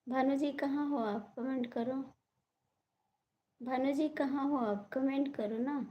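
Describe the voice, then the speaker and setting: High-pitched young woman doing a live stream, talks slow, reassures viewers, replies to comments. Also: fairly even intonation, dull audio. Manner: chatty, reassuring, reads out and answers viewer comments.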